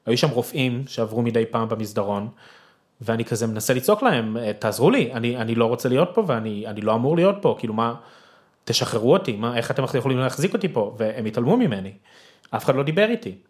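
A young man, a podcast guest, telling a personal story with emotion and acting out his own past shouts. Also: mid-range voice, animated.

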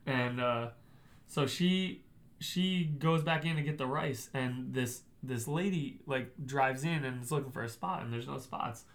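A woman's voice: extremely low pitch, measured pace. Chatty young woman telling a story. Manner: animated, laughing, lots of fillers. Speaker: co-host. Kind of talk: casual storytelling chat.

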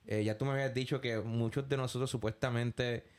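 A Puerto Rican man talks on his podcast in a loose, rambling way. He stumbles over repeated words and mixes in English fillers as he goes. His voice sits at an ordinary, middle pitch. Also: steady tone, brisk. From Puerto Rico. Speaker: podcast host. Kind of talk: casual interview chat.

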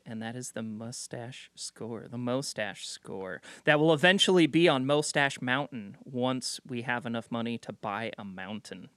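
Man, podcast co-host, casual chat, teasing, bright tone. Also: mid-range voice, dry recording. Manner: joking, teasing, animated.

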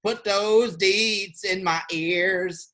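Playful, animated male podcast host. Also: sits high, extremely slow. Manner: playful, animated reading of gossip; loose, lots of fillers and swearing. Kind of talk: casual chat.

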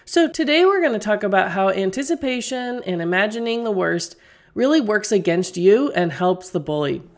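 A middle-aged woman, a teacher, hosts a solo podcast while recovering from a cold, explaining things earnestly with fillers and restarts. Her voice is medium in pitch, with lively intonation and a moderate pace.

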